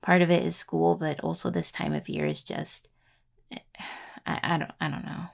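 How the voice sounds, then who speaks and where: A young adult woman, playing an anxious, sweet necromancer healing student for intimate roleplay audio, comes across anxious and apologetic. Her low-pitched, gravelly, creaky voice is sing-song and heavily acted, at normal speed, with a hesitant, rambling, casual delivery.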